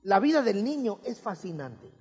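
A man's voice: sits high, big pitch swings, normal speed, darkish tone, breathy edge. A man preaching a sermon with emphatic rhetorical questions and touches of humor. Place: church hall. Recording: reverberant hall, dull lo-fi sound.

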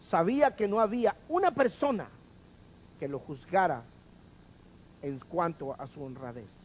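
A man's voice: a little high, expressive, unhurried, darkish tone, lo-fi sound, a little hiss or hum. A man preaching a sermon, firing rhetorical questions at the congregation and having them repeat after him.

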